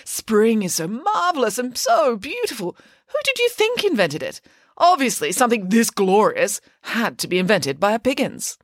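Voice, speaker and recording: A woman's voice: fairly high pitch, big pitch swings, normal speed, dry recording, studio quality, pitched above the performer's own voice. A woman voicing a grand, vain, cake-loving female pig nanny who boasts in a theatrical way. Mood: grandly boastful.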